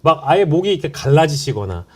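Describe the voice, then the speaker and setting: Chatty male host with a lively voice. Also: fairly high pitch, fast. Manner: chatty, laughs along, hedging fillers. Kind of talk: casual chat.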